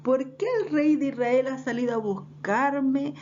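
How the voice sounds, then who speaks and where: A woman's voice: high voice, unhurried, a little mellow, voice pushed up. A woman voicing an earnest young man pleading with a king, in a lo-fi recording. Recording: dull lo-fi recording, faint noise.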